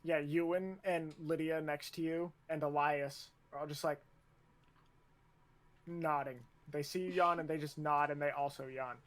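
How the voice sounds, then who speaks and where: A man's voice: on the high side, steady tone, measured pace, fairly bright tone. A man narrating a tabletop game as game master, casual and laughing, with plenty of fillers.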